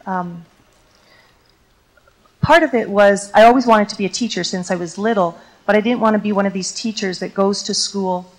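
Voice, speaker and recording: A Canadian woman whose native language is Ukrainian speaks in a mid-range voice, captured in a rough recording. She is a teacher fielding audience questions on a lecture stage, answering reflectively and telling stories with plenty of filler words.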